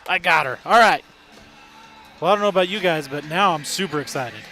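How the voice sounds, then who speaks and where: A man's voice: fairly high pitch, brisk, bright, forceful tone. A man chatting casually as a sports broadcast commentator in booth banter.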